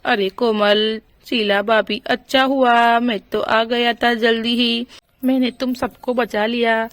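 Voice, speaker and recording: A woman voicing a village husband and father in a doll storybook, speaking in a lowered voice with a fussing, boastful manner. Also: little pitch movement, slow, no echo.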